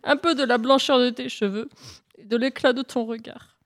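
A woman's voice: fairly high pitch, fairly even intonation, normal speed, close to an everyday voice. A woman voicing a lazy, cunning young male hare who whines and pleads in a storybook tale. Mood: whiny pleading. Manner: whining and pleading.

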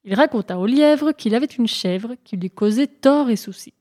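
A woman narrating folk tales for a storybook, reading calmly and evenly. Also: a little high. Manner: calm, measured narration.

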